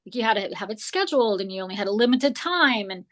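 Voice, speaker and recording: A woman author talking as a guest in a casual conversation. She is slightly hoarse and chatty, rambling through her answers with lots of filler words. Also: mid-range voice, expressive, fast talker, fairly bright tone.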